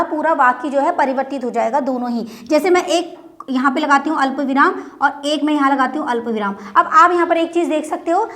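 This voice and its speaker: A woman teaching a Hindi exam-prep lecture, often repeating points, asking herself rhetorical questions and slowing down to dictate word by word. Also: high voice. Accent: Uttarakhand Hindi. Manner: slows down to dictate words one by one. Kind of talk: classroom lecture.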